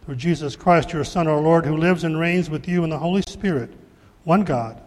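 A male pastor leading the liturgical prayers in a measured, formal way, his voice ringing with a cathedral-like echo. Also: on the high side, a little mellow. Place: church sanctuary.

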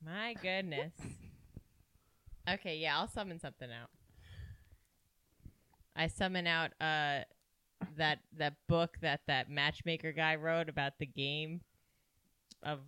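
A female tabletop player with a bright, smooth voice. She improvises casually, with an exasperated dryness, in a close, echo-free recording. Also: deep voice, steady tone, slow, long pauses. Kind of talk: casual improvised role-play chat.

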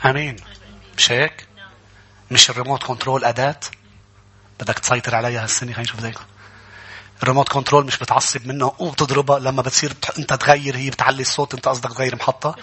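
A pastor with a Lebanese accent delivers an emphatic, rousing sermon to his congregation, frequently calling out to the listeners. His mid-range voice is husky, pushed and bright.

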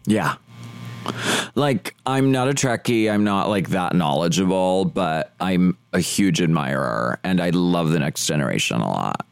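Drag performer guest, male, very low gravelly voice, lively delivery, filler-heavy casual talk, dry close mic. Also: unhurried, no room sound. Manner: rambling, many fillers and "like". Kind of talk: casual interview chat.

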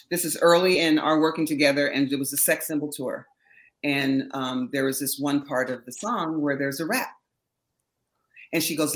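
A middle-aged woman, a singer, chatting as an interview guest, telling animated stories and acting out quotes with laughter. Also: low voice. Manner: animated storyteller, laughs often, acts out quotes. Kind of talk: casual interview chat.

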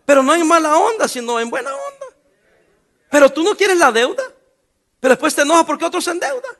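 Gravelly, bright-voiced pastor preaching. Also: male voice, extremely high pitch, very animated, fast talker. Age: middle-aged. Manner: sarcastic, joking, colloquial preaching. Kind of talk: sermon.

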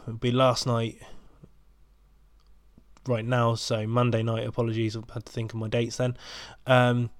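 A man with a mid-range voice opens his casual solo podcast in a dry recording. He sounds stuffed up from a cold and rambles along, full of ums and restarts as he chats.

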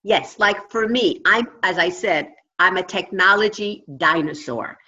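A woman's voice: mid-range voice, unhurried, pushed and bright, lo-fi sound, a little hiss or hum. A woman with a New York accent giving conversational advice as an interview guest, emphatic and instructive, repeating phrases for emphasis. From New York, United States. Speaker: interview guest, consciousness coach and teacher.

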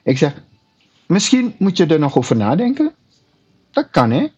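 A husky man with a lively, swooping voice, chatting casually about his work as a personal trainer. He acts out his clients' lines as he tells his anecdotes. The sound is a little dull and lo-fi. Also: a little high, normal speed. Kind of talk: casual storytelling chat.

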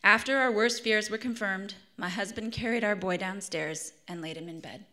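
A woman in her thirties reads her own essay aloud at a live event in an arts center hall, opening with a spoken introduction. Her scratchy voice has a sharp tone, medium pitch and moderate pace. She speaks earnestly, with fillers and restarts along the way.

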